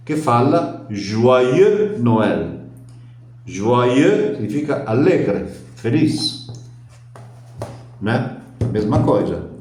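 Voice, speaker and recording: Older guy, unhurried teacher who keeps explaining, very echoey recording. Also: mid-range voice, darkish tone. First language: Italian. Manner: chatty, explains at length, ends points with a questioning tag. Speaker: language teacher. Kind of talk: relaxed spoken lesson. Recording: very echoey room.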